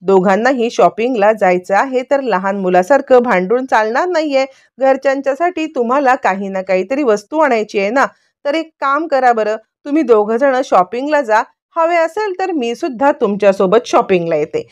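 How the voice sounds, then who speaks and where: A woman's voice: fairly high pitch, expressive, moderate pace, natural voice. A woman voicing a middle-aged mother who scolds her daughter and bosses everyone around. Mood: scolding. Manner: scolding, bossy.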